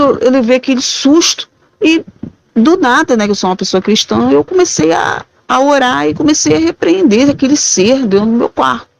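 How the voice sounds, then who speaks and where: A woman's voice: a little high, no echo, low-quality recording. A middle-aged Brazilian woman with a Brazilian Portuguese accent recounting a haunting experience in the first person, hesitant and searching for words. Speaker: caller sharing a haunting account. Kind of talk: first-person ghost story telling.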